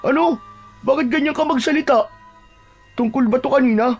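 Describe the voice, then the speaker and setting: A man doing a cocky young tribesman, high-voiced. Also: moderate pace, faint music behind. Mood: arrogant. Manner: bossy and scornful.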